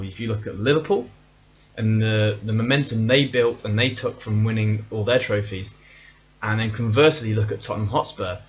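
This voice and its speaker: A man hosts a casual solo podcast at a middling pitch. His talk is chatty and playful, with self-mocking asides. The audio sounds a little dull and lo-fi. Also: a bit bright. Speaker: podcast host.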